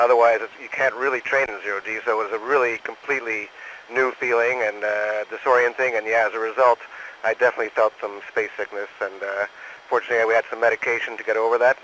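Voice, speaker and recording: A man, an astronaut, answering questions in an unscripted, halting way over a space radio transmission. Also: mid-range voice, pushed and bright. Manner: halting, saying "over" after each answer. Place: aboard the space station. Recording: noisy space-to-ground radio link.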